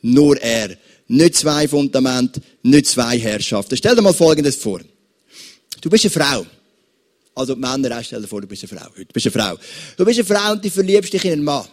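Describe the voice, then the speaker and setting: A man with a Swiss German accent, preaching a sermon as pastor and addressing his listeners with lively examples. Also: fairly high pitch, fairly quick, pauses often.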